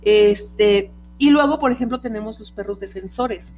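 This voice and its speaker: A woman's voice: mid-range voice, moderate pace, darkish tone, muffled recording, soft background music. A woman hosting a casual podcast about dogs, often searching for words with fillers and restarts, recorded on a podcast microphone. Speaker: podcast host, dog trainer. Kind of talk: casual explanatory podcast talk.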